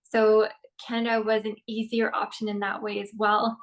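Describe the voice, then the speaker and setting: Speaking in a mid-range voice with a flat tone, this Norwegian actress answers interview questions casually. She comes across as measured and reflective, pausing often with ums.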